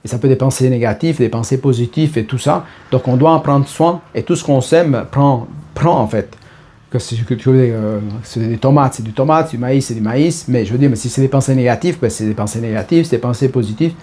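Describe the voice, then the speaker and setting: Middle-aged italian-accented guy, mellow warm voice, chatty and halting, keeps restarting. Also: medium pitch, husky. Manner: hesitant, restarts phrases, speaks to the listener as tu. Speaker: personal development speaker. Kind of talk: casual talk to camera.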